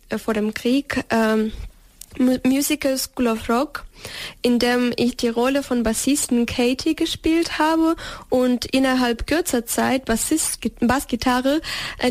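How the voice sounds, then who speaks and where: A teenage girl from Ukraine answers interview questions. Her voice sits fairly high, and the sound is close and dry. She hesitates often and restarts her sentences. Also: no echo. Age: teens. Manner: hesitant, many fillers and restarts. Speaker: interview guest.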